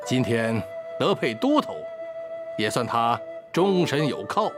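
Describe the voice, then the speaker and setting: An actor playing a scheming, genial official in a period drama, fussily cordial and coaxing, over background music. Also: male voice, mid-range voice, very animated, slow. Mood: smooth, cordial. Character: scheming male official, genial host pushing a match. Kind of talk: Chinese period television drama acting.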